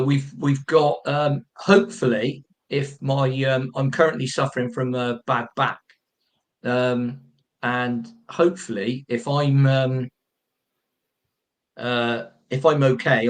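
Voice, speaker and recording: A man's voice: mid-range voice, little pitch movement, unhurried. A man chatting about football on a podcast, rambling and breaking into impressions. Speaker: pundit. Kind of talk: casual football podcast chat.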